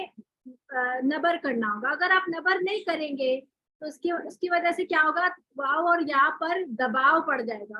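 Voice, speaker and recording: A woman's voice: high-pitched, no echo, dull audio. Woman teacher, recitation lesson, step-by-step explanations, dry close sound. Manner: explains step by step with rhetorical questions and spoken examples. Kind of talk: online class instruction.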